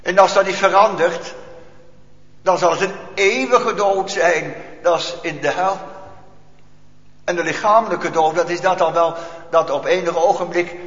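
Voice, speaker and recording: A man preaching a solemn sermon, asking rhetorical questions and leaving long pauses. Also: high-pitched, fairly bright tone. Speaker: pastor. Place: church hall. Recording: echoey church hall, dull lo-fi.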